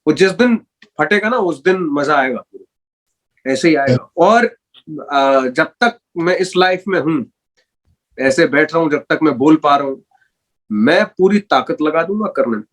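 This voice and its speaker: A young man, a radio jockey, answering rapid-fire interview questions in a rambling, casual way, dropping in English words. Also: on the high side, animated, a bit bright, rough recording. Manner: rambling, self-correcting, mixes in English words.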